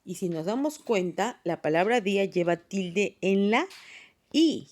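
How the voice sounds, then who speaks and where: A woman's voice: medium pitch, expressive, unhurried, darkish tone. A woman teaching a grammar lesson, explaining patiently step by step and checking in with short tag questions. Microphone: phone voice recorder.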